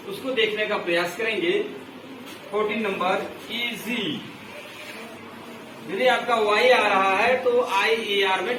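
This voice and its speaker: A man teaches a grammar lesson, dragging out each word in slow, patient drills. His fairly high voice comes from a distance across an echoey room. A steady hiss of noise sits beneath it. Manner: slow, drawn-out recitation with repeated drills. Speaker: English teacher.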